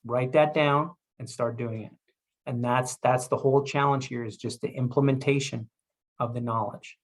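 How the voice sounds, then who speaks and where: A man, a chiropractor, giving a motivational health talk with energetic, repetitive urging. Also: mid-range voice, moderate pace.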